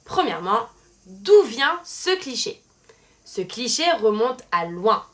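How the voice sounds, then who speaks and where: A woman teaching a French language lesson in a clear, scripted delivery. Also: on the high side, very animated, slow pace, a bit bright.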